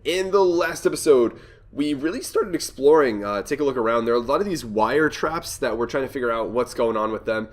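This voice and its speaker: A young man hosts a let's play, his medium-pitched voice moving quickly with lively intonation. A cold leaves him slightly nasal as he chats casually, thinks aloud, and reads the game text out loud in this relaxed gameplay commentary.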